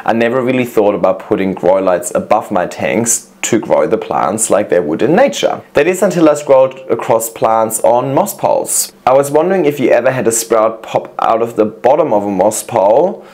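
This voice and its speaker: A man hosting a casual reaction video, chatting warmly and reading viewers' messages aloud as he gushes over their plants. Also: lowish voice, expressive, normal speed.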